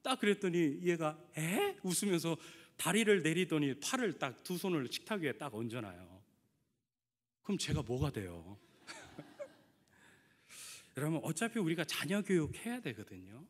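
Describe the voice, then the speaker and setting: A man's voice: fairly high pitch, sing-song, measured pace, pauses often. A middle-aged male pastor preaching an emphatic sermon, putting questions to the congregation and telling stories from his family. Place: church sanctuary. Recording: long church hall reverb.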